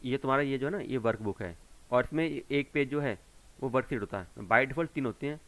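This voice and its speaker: A man teaching beginners in a tutorial video. He goes slowly and patiently, asks a question and then answers it himself, and repeats each point so that children can follow. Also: medium pitch, a bit bright. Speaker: computer teacher. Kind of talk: screen-recorded tutorial explanation.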